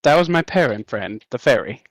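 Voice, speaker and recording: A man's voice: mid-range voice, expressive, a little fast, no room sound. A man playing a tabletop game, speaking in character in a playful, boastful way. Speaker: player. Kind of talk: in-character tabletop role-play.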